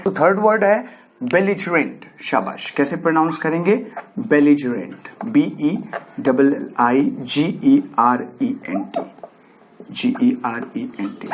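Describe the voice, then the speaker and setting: A man with an Indian accent teaching English vocabulary, dictating example sentences slowly and getting listeners to repeat words after him. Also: a little high. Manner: coaxes viewers to repeat words, praising them. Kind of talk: classroom-style vocabulary lesson.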